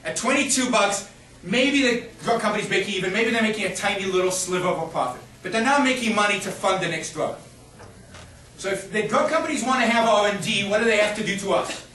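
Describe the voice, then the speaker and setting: A high-pitched, bright, forceful male voice speaks briskly as a middle-aged Israeli guest speaker responds to audience questions. Insistent, restless, emphatic and argumentative, he restarts often in this impassioned lecture Q&A, recorded far off in a noisy, reverberant university lecture hall.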